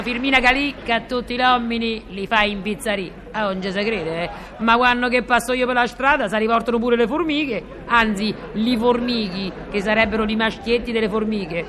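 A loud-mouthed young maid who is sure every man wants her, in a radio comedy sketch. She speaks with a rustic in a high, bright voice. She spins off into endless boastful fantasies. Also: a little hiss or hum. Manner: rapid boastful chatter, wild rambling fantasies. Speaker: comic radio character.

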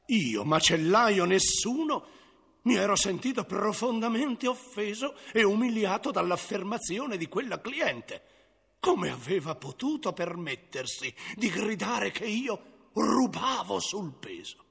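A man's voice: high voice, big pitch swings, a little slow, creaky, a bit bright, husky. A man narrating a 1970s radio comedy as a crafty butcher, theatrical and ironic. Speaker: narrator and first-person butcher.

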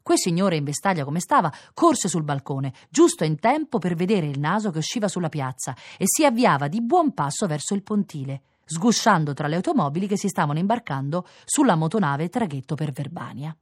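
A woman reading a children's fairy tale for radio, with playful, expressive narration. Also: deep voice, brisk, few pauses, dry recording, clean studio sound. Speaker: reader.

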